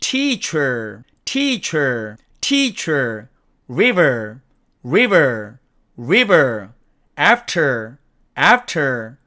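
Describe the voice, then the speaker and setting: A man teaching English pronunciation in a lecture, explaining slowly and deliberately and repeating practice words several times. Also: sits high, fairly bright tone. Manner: slow, deliberate explanations with repeated word drills.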